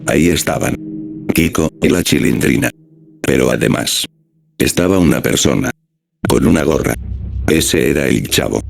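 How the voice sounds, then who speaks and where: A man narrating a scripted horror story in a flat, steady storytelling manner. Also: very deep voice, normal speed, creaky, long pauses. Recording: music playing underneath.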